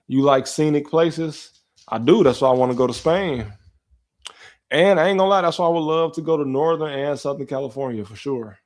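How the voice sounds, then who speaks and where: A young man in his twenties, hosting a casual live stream, talking slangy and relaxed while answering chat and talking to his dog. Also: on the high side, a little fast. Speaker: livestream host.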